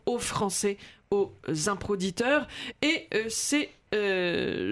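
A woman hosting a comedy radio show, chatty with frequent hesitations. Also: fairly high pitch.

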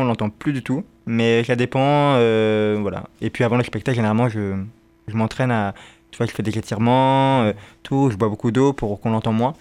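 A man's voice: medium pitch, darkish tone, clear, resonant tone. A man with a lisp that turns s sounds slushy, chatting hesitantly as a comedian being interviewed. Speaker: interview guest, stand-up comedian. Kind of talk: casual interview chat.

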